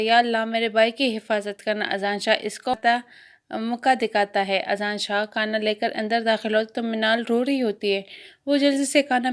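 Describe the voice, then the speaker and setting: A woman with a Pakistani Urdu accent narrates a romance novel in a somewhat high voice. She reads both the narration and the lines of the characters, now and then stumbling on a word and starting it again. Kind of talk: storybook narration with voiced dialogue.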